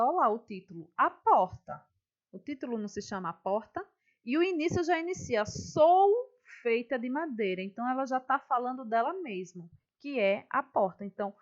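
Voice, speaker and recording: Woman schoolteacher, patient and unhurried, higher voice; lessons explained step by step. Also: muffled recording. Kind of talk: classroom lesson.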